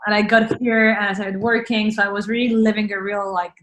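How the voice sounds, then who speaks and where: On a video call, a woman from France appears as an interview guest, talking fairly quickly in a medium-pitched, fairly bright voice with little pitch movement. It's a relaxed chat, packed with "like," "uh," and frequent laughs.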